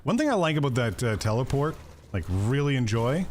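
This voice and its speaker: A man talks through a video game as he plays, chatting with viewers and tossing in jokes. His voice is of middling pitch but swings up and down a lot. A faint hiss sits under the recording. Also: very animated, brisk. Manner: chatty, joking asides to viewers. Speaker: gaming streamer. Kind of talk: casual gameplay commentary.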